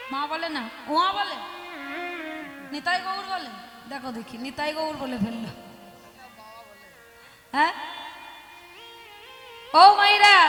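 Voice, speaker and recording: Female kirtan preacher, very high pitch, dramatic and questioning, long hall reverb. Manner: addresses the audience as mothers, asks questions; dramatic swings from soft to loud. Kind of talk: devotional kirtan sermon. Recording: echoey hall with music behind. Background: instruments playing.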